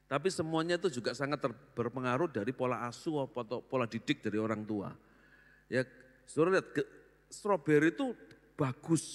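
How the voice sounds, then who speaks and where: Lively pastor in echoing hall. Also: male voice, on the high side. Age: older. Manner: lively, jokey, acts out quoted voices. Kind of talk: sermon. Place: large church hall. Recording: long hall reverb.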